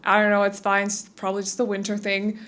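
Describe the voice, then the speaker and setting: A woman's voice: medium pitch, monotone, quick pace, fairly bright tone. A woman, a bit stuffy after losing her voice, chatting casually and rambling through a voice-over for a game build. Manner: chatty, rambling, many fillers. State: stuffy, recovering from lost voice. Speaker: Sims speed build YouTuber.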